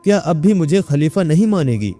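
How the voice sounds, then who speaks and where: Figure: man playing an arrogant young man sure he is caliph, ordering people about, storybook tale. Mellow tone. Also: fairly high pitch, lively intonation, soft background music, lightly acted. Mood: commanding. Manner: commanding, indignant.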